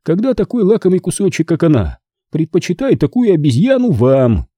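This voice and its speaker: A man's voice: fairly high pitch, big pitch swings, fairly quick, warm tone, slightly rough, dry recording, studio quality, pitched above the performer's own voice. A man voicing a sly, smug man in an audiobook, needling in manner. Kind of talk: audiobook character voice.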